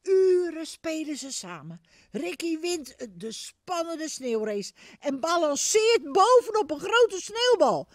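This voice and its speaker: A woman reads a picture book to young children in a high, sing-song voice, stopping to ask them questions. Her pitch rises and falls a lot as she tells the story. The recording is close and dry. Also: slow pace, dry recording. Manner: expressive, addresses the children directly.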